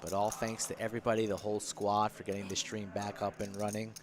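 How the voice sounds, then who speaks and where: A man's voice: fairly low pitch, flat delivery, fast talker, a crowd in the background. A man giving live poker commentary in a folksy, conversational way.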